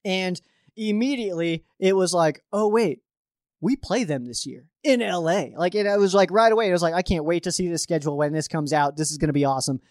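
A man's voice: high-pitched, brisk, dry recording, clean studio sound. A man hosting a sports podcast, giving a casual game preview as an open fan, with lots of fillers and restarts. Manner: openly rooting for the team.

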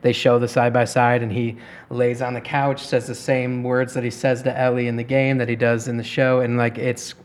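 A man's voice: mid-range voice, level tone, moderate pace. Chatty rambling man co-hosting a podcast. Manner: chatty, rambling storyteller with laughs. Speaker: podcast co-host. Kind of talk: casual chat.

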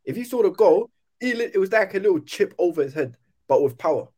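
A man's voice: high voice, lively intonation, fast, a little mellow. A man with a London roadman accent trading casual football banter in slangy street talk as a panelist.

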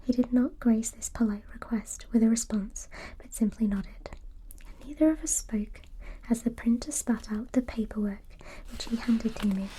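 A woman reading a novel aloud in a breathy, mostly unvoiced ASMR whisper. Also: fairly high pitch, normal speed, warm tone, slight background noise, poor audio.

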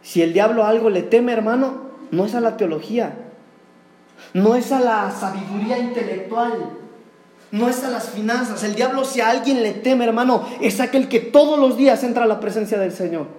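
A man's voice: very high-pitched, moderate pace, darkish tone. A man preaching a fervent sermon in a church, calling his listeners "brother" again and again. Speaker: pastor. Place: church sanctuary. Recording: roomy church echo.

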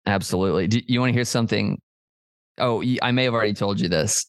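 A man talks in an earnest, reflective way as a podcast co-host. His voice sits low and has a gravelly rasp. The sound is dry and close. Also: quick pace, dry recording. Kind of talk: casual chat.

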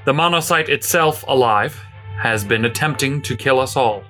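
A man's voice: medium pitch, normal speed, pushed and bright, faint music behind, close to an everyday voice. An actor playing an embattled, despairing male starship commander in a sci-fi audio drama. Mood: bitter, grim.

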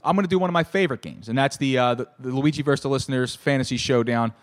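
A man in his thirties with a hoarse, shot voice, hosting a casual show solo in a halting, jokey, self-correcting way. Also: mid-range voice. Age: 30s. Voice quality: hoarse, worn-out voice. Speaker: solo host of a fantasy football show.

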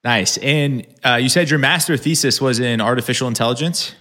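A man's voice: mid-range voice, brisk, sharp tone. A man hosting a casual podcast interview, upbeat and asking easy questions. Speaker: podcast host.

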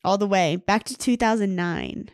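A woman's voice: mid-range voice, moderate pace, creaky, no echo, clean studio sound. A woman co-hosting a podcast in casual chat, reading listener reviews aloud. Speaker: podcast co-host.

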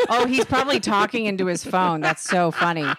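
A woman's voice: medium pitch, lively intonation, moderate pace, a bit bright, dry recording. A woman with a Boston accent speaks as a talk show co-host. Her delivery is casual, conversational banter about sports. The sound is dry, with very little room around her.

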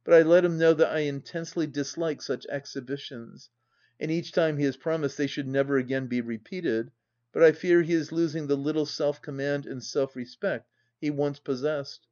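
A man narrating a classic novel as an audiobook reader, in a measured, dramatic reading. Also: a little high, steady tone, a little mellow, lo-fi sound. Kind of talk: scripted narration.

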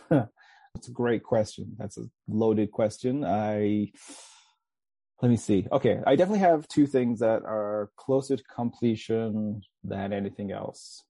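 A man's voice: lowish voice, unhurried, mellow, dry recording. A man in his forties from England with a mostly Canadian accent, talking in a chatty, rambling way as a guest author on a podcast. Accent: Canadian, with faint Mancunian traces. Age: 40s. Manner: chatty, rambling, with frequent restarts and laughs. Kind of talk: casual podcast interview.

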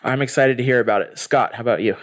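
A man's voice: mid-range voice, fast. Man hosting a podcast. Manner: friendly, leads the talk. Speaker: host.

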